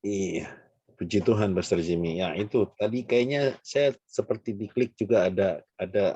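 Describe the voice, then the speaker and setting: A man's voice: lowish voice, mellow, husky, dry recording. A man hosting an online church service, reflecting on the sermon and encouraging the listeners, heard over a video call. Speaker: service host. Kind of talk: affirming moderation of an online service. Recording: dry muffled video call audio.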